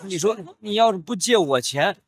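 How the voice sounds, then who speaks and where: A man's voice: high voice, lively intonation, normal speed. An actor playing a broke young male gambler in a costume TV drama, pleading and whining, yelping when hurt. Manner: pleading, whiny, yelps in pain.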